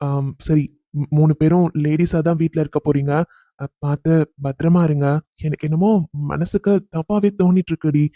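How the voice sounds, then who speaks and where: A man's voice: a little high, mellow, no echo, lightly acted. A man voicing a stern young cop husband. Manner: angry scolding on the phone, tender with his wife. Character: stern young police officer husband, short-tempered. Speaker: police officer character.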